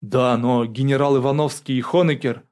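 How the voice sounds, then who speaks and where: A man's voice: medium pitch, steady tone, normal speed, a little mellow, lightly acted. A man voicing a bewildered male general who hesitates in confusion.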